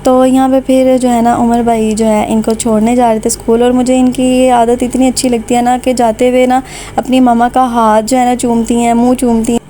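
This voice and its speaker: A woman's voice: on the high side, little pitch movement, normal speed, warm tone, slight background noise. A woman from Pakistan with a Pakistani Urdu accent, narrating her family vlog in a chatty, conversational way with frequent fillers. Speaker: vlogger.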